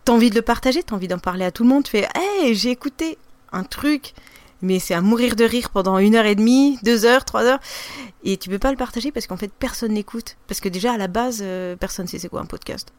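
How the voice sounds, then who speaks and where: A woman's voice: medium pitch, fast talker, darkish tone, dry recording. A woman, a podcaster, with a regional French accent, chatting loosely in an interview with lots of fillers and restarts. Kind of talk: casual interview chat.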